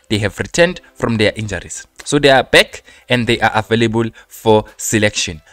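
A man's voice: medium pitch, a bit bright, no echo. A young man with a South African accent giving a casual, conversational football news update, mixing English with Zulu and addressing viewers as friends, close on a handheld microphone. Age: young adult. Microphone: handheld microphone close to the mouth.

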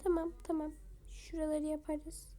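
A woman's voice: high voice, monotone, moderate pace, warm tone. A woman giving casual gameplay commentary as a game video creator, chatty and talking straight to her viewers, muttering to herself while she builds.

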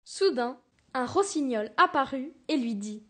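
Young female narrator for a class storybook, high pitch, steady reading. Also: unhurried.

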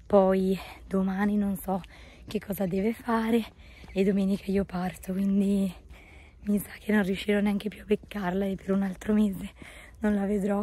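Woman, thirties, hoarse voice giving out, soft mellow tone, casual vlog chat, phone at arm's length, noticeable background noise. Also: mid-range voice, flat delivery, unhurried. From northern Italy. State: hoarse, losing her voice, partly breaking into whisper. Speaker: daily vlogger.

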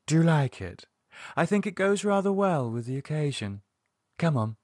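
A man's voice: a little high, big pitch swings, moderate pace, darkish tone, dry recording, clean studio sound, pitched above the performer's own voice. A man voicing a young woman hosting a cult gathering, breezy and teasing. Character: young woman, cheerful sinister cult hostess.

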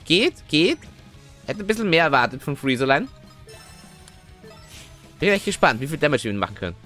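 A young man giving chatty, excitable let's play commentary, often tagging his sentences with little questions. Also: mid-range voice. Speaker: gaming video host. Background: faint game music.

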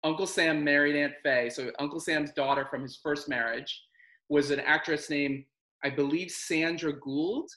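A woman's voice: deep voice, steady tone, normal speed, fairly bright tone. A woman in casual chat, matter-of-fact and steering the conversation along. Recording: echoey room.

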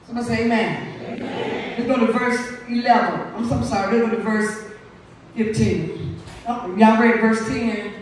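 A woman's voice: on the high side, fairly even intonation, moderate pace, pauses often, slight background noise. A woman pastor preaching a fervent call-and-response sermon at a church service. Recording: echoey room, voice from a distance.

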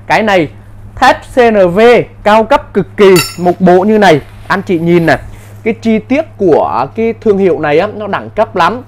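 A man giving an insistent hard-sell live sales pitch as a seller, in short, repetitive bursts. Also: expressive, moderate pace. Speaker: live-sale seller of power tools.

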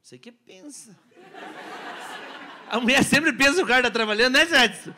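A man from Brazil doing stand-up crowd work, teasing the audience loudly on a comedy club stage. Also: very high voice, normal speed, a little hiss or hum. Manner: teasing, loud, jokey banter with the audience.

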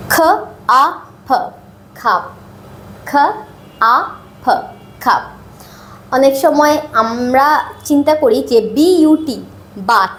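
A woman teaching a video lesson, speaking slowly and repeating sounds drill-style. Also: high-pitched, echoey room. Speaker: English teacher.

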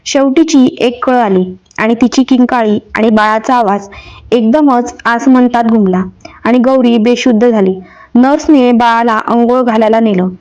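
A woman narrates a sad story in a measured, emotive reading. Her voice sits a little high, and the recording is slightly dull and lo-fi. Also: darkish tone.

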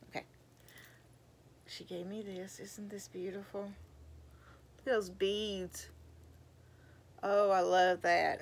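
Gushing older woman with gravelly voice. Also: mid-range voice, a bit bright. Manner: gushing, exclaims over each item. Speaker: vlogger showing gifts. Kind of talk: casual show-and-tell chat.

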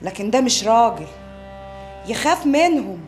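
A woman's voice: on the high side, sing-song, moderate pace, darkish tone, soft background music. An actress playing a bitter, defiant young wife complaining indignantly about her husband.

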